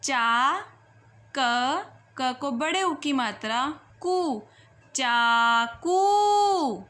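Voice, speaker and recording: A woman teaching young children a Hindi phonics lesson, saying each sound slowly and clearly and urging them to repeat after her. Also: high-pitched, expressive, sharp tone. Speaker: primary school Hindi teacher.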